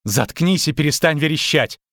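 A man voicing a proud, sharp-tongued sorceress with curt, snapping lines. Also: a little high, animated, normal speed, no room sound, studio quality, voice pushed up.

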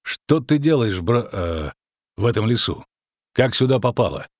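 A man's voice: mid-range voice, big pitch swings, normal speed, dry recording, clean studio sound, close to an everyday voice. A man voicing a blunt, scolding grown male monster hunter in a fantasy audiobook. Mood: stern.

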